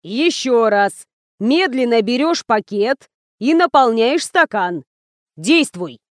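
A loud, explosive little man bellows orders and insults at his crew, drawn-out and bullying, as a woman narrator puts him on. The voice sits high and the recording is dry and close. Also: very animated, no room sound. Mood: yelling. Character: fat little bossy male ad producer.

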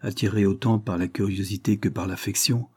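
Male audiobook narrator, husky, low, dark voice, measured delivery, dry close sound. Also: steady tone, dry recording. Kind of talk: scripted narration.

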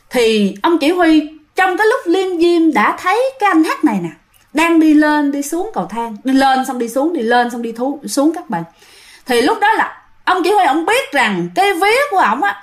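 High, lively Southern Vietnamese woman storyteller. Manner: chatty, addresses listeners directly. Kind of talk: ghost story narration.

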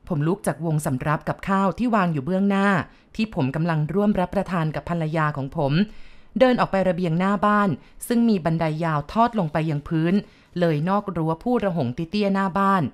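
Woman with a low voice narrating a story. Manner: steady, descriptive reading.

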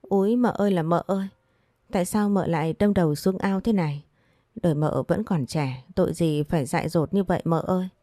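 Woman doing panicky servant girl wailing, lowish warm voice, dry sound. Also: a little fast, no echo, natural voice. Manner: wailing, loud lament.

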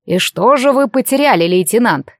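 A stern man at the head of the magic police, cold and clipped, weighing each word in a slow, measured tone, as a woman reads his lines in an audiobook. Dry, close sound. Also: a little high, animated, no room sound.

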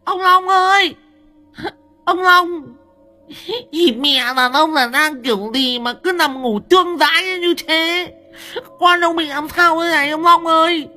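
A loud village mother wails and pleads in a shrill, frantic voice, as a woman acts her out. Her mid-pitched voice cuts through an audiobook scene, with faint music underneath. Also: lively intonation, normal speed, close to an everyday voice.

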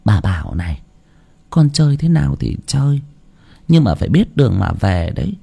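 A man voicing a soft-hearted, fussing elderly grandmother in a storybook tale. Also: sing-song, normal speed, creaky, husky, exaggerated voice. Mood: coaxing. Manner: scolding, coaxing, high-pitched.

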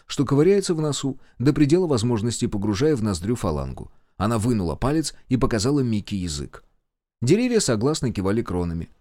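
Expressive male audiobook narrator. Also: medium pitch, no room sound, studio quality. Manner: dramatic, acts out characters.

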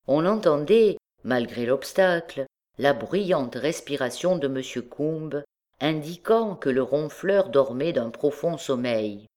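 A woman narrating a classic novel as an audiobook, with measured, expressive storytelling. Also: sits low.

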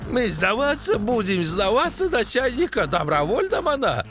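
A man voicing a panicky, plump male foreman who speaks broken Russian and whines and pleads in a high voice. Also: huge pitch swings, slow pace, faint music behind, full character voice. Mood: whimpering. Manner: whiny, pleading, high-pitched.

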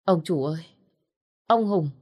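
A woman voicing a terrified aging female housemaid who shouts and pleads for help. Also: lowish voice, animated, measured pace. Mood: alarmed calling.

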